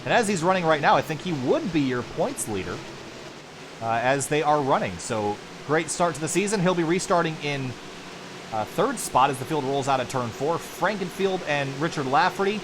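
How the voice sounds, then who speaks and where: A man calling sim racing play-by-play as lead commentator, quick and building excitement during the action. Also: on the high side, background noise.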